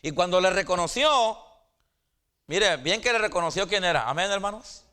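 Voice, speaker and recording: Fervent pastor preaching, higher voice. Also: male voice, expressive, moderate pace, pushed and bright. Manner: stammering restarts, calls the congregation brothers, pitch swings high and drops low. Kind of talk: sermon.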